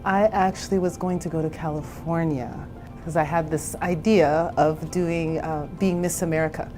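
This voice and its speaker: A woman's voice: low voice, steady tone, moderate pace, mellow, faint music behind. A woman in her forties from Canada, a therapist and entrepreneur, telling her own story in a candid, chatty interview. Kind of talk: personal interview.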